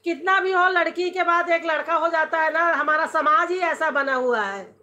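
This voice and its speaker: A middle-aged woman with a Chatty Chhattisgarhi accent hosts a live stream from her home, talking straight into her phone. Her voice sits high and sounds bright and clear. She moves easily between Hindi and her dialect as she greets viewers and answers their comments. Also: normal speed.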